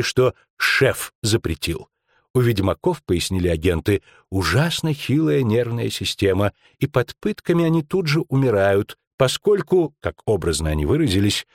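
A man playing a shrewd, ironic middle-aged lawyer-investigator in an audiobook, lecturing with drawn-out emphasis. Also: medium pitch, no room sound, clean studio sound. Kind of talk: audiobook acting.

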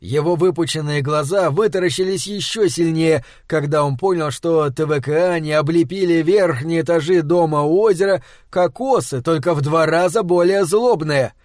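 A man reading a fantasy audiobook in a measured storytelling manner. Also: a little high, darkish tone, no room sound, studio quality. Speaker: audiobook narrator. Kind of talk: scripted narration.

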